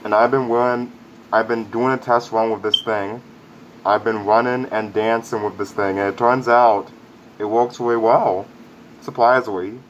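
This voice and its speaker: A man talks through a face mask in a loose, upbeat vlog review, circling back to the same points. His voice sits a little low. The audio is dull and lo-fi, with a faint air conditioning hum behind him. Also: fairly even intonation, moderate pace. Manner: rambling, upbeat, repeats himself. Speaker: product reviewer.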